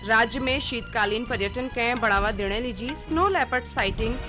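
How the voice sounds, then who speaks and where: Over music, a Kumaoni-accented woman delivers a scripted regional radio news bulletin in a formal, measured announcer style, her pitch running somewhat high.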